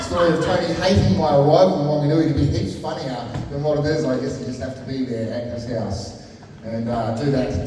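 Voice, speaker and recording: A warm-toned man with a mid-range voice MCs a live comedy night in a large hall, teasing the crowd with chatty banter and stumbling over repeated words. Recorded from far off, the hall sounds echoey, with crowd noise and the audience audible.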